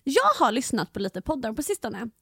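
Lively high-pitched Swedish woman podcaster. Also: creaky, husky, no room sound, clean studio sound. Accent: Halland Swedish. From Halmstad, Sweden. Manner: animated, laughing, mimics pronunciations. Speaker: podcast co-host. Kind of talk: casual chat.

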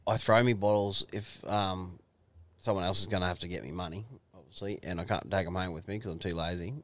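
A man's voice: sits low, fairly even intonation, brisk, a bit bright. An Australian man co-hosting a podcast with casual, irreverent, sweary banter. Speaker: podcast co-host.

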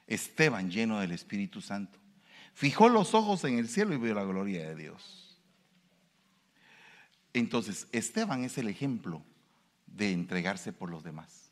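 A male preacher, giving a sermon and asking his listeners questions. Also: long reverb tail. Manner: animated, shifts pitch and pace for emphasis, asks the audience questions.

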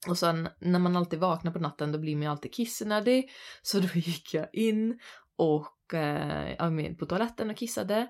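A Swedish woman in her thirties, co-hosting a podcast and telling a spooky personal story in an animated, chatty way. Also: lowish voice. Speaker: podcast co-host. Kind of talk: casual storytelling chat.

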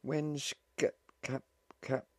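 A man voicing a panicked young newlywed woman, frantic and shouting over a crowd. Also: on the low side, big pitch swings, moderate pace, husky, dry recording, pitched above the performer's own voice, heavily acted. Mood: anxious pleading.

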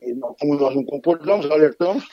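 A man's voice: a little high, animated, fast talker. A man speaking formally as a radio guest over a choppy phone line that keeps breaking up, with frequent hesitations. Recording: muffled dry phone call.

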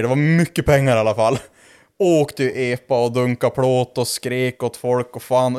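Young man telling a wild story. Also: medium pitch. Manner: animated storytelling with acted quotes and laughter. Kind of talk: casual podcast chat.

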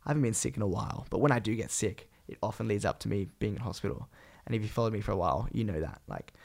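A young Australian man with a croaky, phlegmy, congested voice, sick with a cold, rambling casually and slangily on a solo podcast. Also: lowish voice, lively intonation, racing, a little mellow. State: sick with a cold, voice partly gone. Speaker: podcast host and vlogger.

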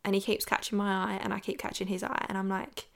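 A young woman from England hosting a podcast, telling a story in a chatty, animated way with lots of "like". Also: mid-range voice, fast talker, creaky. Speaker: podcast host. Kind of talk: casual storytelling. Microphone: podcast mic.

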